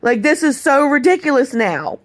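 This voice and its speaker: A woman's voice: sits high, sing-song, moderate pace. Lady, fed up, cussing and repeating herself on a phone call. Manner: frustrated, swearing, repeats herself. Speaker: benefits recipient on a phone call. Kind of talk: phone call and angry venting.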